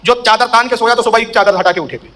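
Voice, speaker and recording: High bright-voiced male preacher. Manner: emphatic, rising to loud fervor, asks and answers own questions. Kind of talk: sermon storytelling.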